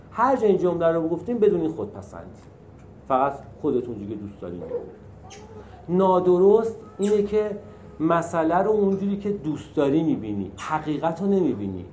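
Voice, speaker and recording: A man's voice: on the high side, warm tone, reverberant, a little hiss or hum. A man leading a support group, teaching emphatically, asking rhetorical questions and acting out everyday examples. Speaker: group session leader.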